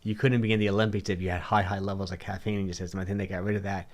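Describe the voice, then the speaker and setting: A middle-aged man hosts a livestream, slightly hoarse from a cold, answering viewer questions at a racing pace. His low voice barely moves in pitch, and he rambles casually, repeating words and restarting sentences.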